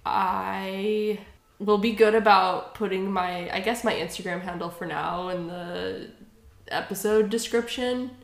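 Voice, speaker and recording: A woman's voice: medium pitch, fairly even intonation, measured pace, gravelly. A woman hosting a podcast in casual chat, talking freely and laughing often. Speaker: podcast host. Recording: roomy echoey room.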